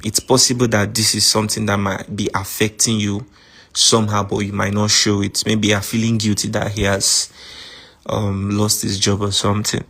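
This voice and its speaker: A man with a Nigerian accent recording a voice message to a friend, calmly recounting a grievance. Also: on the low side. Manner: calm, measured account of a grievance. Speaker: podcast host.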